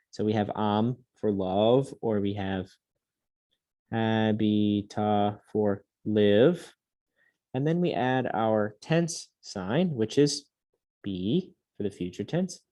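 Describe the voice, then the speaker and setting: Patient male Latin teacher, mellow voice. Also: fairly low pitch. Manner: patient, drills words aloud slowly and clearly. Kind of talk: recorded classroom lesson.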